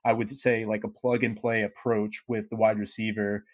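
A man co-hosting a fantasy football podcast, talking casually and haltingly with many uhs. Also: on the low side, flat delivery, dry recording, studio quality. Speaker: podcast co-host.

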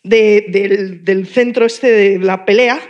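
A woman's voice: medium pitch, fairly even intonation, slow, lo-fi sound. A woman, a comedian guest, telling a rambling, jokey story in casual podcast chat.

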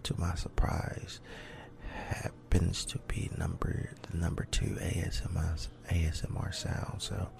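Man, soft-spoken ASMR, hushed half-whisper, extremely low register, slow halting delivery. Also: monotone. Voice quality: deep, rough, breathy low voice. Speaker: ASMR video creator.

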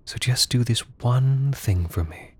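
A man's voice: on the low side, moderate pace, close to an everyday voice. A man voicing Kaizen, a cold, menacing older woman. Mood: menacing, coaxing. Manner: soft, murmured, quietly menacing. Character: commanding sixty-something woman, cold and manipulative.

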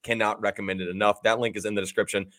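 Fast-talking young man, podcast host. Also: fairly low pitch, little pitch movement, fairly bright tone. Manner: upbeat, rambling, laughs at his own stumbles. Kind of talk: casual podcast chat with ad reads.

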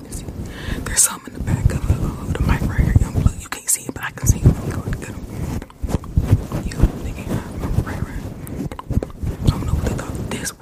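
A woman voicing a friendly, boastful streetwise uncle in an ASMR roleplay, whispering softly, with lots of slang and repeated words. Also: moderate pace, pauses often, natural voice, poor audio. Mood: playful whisper. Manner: soft whispering, repetitive, slangy. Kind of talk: ASMR roleplay, bug-searching.

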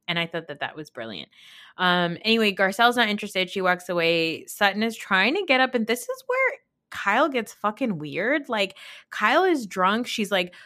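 A podcast host in her thirties offers opinionated, blunt and casual takes on reality TV, full of swearing and emphatic retelling. Her voice is lowish and sharp-toned, and she mimics the people she quotes.

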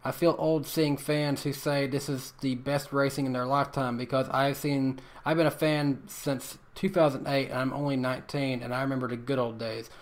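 A man's voice: mid-range voice, little pitch movement, moderate pace, few pauses. A man hosting a casual live stream, reading viewer messages aloud and often stammering on repeated words. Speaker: podcast host reading super chats.

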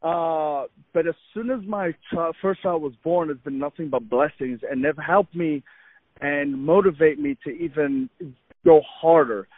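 A man's voice: on the high side, measured pace, dry recording. Male guest, 30s, from Egypt, eager rambling chat, thin phone-line sound. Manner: eager, animated storytelling with many fillers. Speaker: podcast guest, fitness trainer. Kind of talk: casual interview chat. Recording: tinny phone-line audio, dry.

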